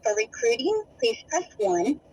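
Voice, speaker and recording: A woman's voice on a recorded phone menu message, played over a truck's speakerphone and read in a measured, formal announcer style. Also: on the high side, very animated, background noise. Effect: recorded phone menu message played over a truck's Bluetooth speakerphone. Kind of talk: scripted automated phone greeting.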